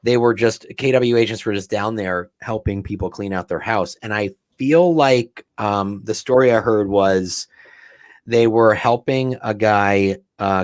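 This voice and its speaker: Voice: low voice, a little slow, dry recording. Host, casual joking chat, lots of fillers, dry close sound. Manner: joking, meandering, filler-heavy. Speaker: podcast host.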